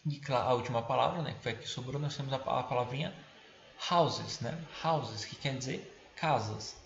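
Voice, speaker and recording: A male teacher gives a remote English lesson. He talks patiently, checks in with short tag questions, and slows down to model each word. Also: medium pitch, creaky. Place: at home, teaching students remotely. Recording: echoey, dull home recording with faint noise.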